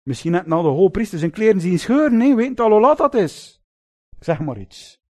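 Preaching a sermon at a moderate pace, a man with a high voice tells the story vividly. He keeps turning to his listeners, calling them "lieve mensen" and tossing in little tag questions.

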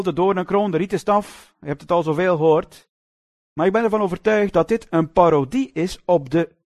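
A man's voice: on the high side, a little mellow, dry recording, studio quality. A man preaching a sermon, emphatic, often putting rhetorical questions to his listeners.

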